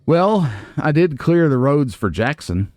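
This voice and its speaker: Recorded dry and clean in studio quality, this man's slightly high, sing-song, somewhat mellow voice moves at a measured pace. He hosts a relaxed let's play, reading the game aloud, reacting, and dropping wry remarks for his audience.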